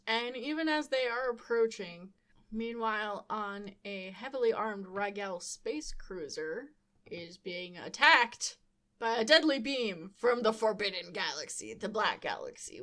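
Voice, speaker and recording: A woman's voice: medium pitch, expressive, a little slow, fairly bright tone. A young woman hosting a podcast, recapping a comic book casually with frequent laughter and wry asides. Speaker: podcast host.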